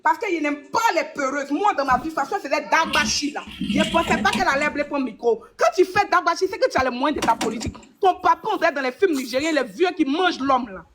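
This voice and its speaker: A woman's voice: high-pitched, expressive, fast talker, hardly any pauses, fairly bright tone. A woman with an Ivorian French accent trading rhythmic, repetitive insults on a live stream panel.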